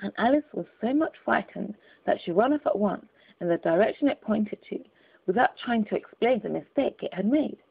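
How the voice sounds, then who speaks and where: Storybook reader, a woman, lively intonation, tinny phone-like audio. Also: mid-range voice, moderate pace, creaky, husky. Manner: expressive, careful reading. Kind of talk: storybook narration.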